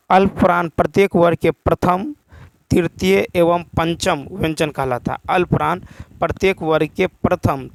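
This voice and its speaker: A man's voice: fairly high pitch, vocal fry, no echo. A male teacher, giving an exam-prep lecture and going through answers, often repeating points and asking and answering his own questions.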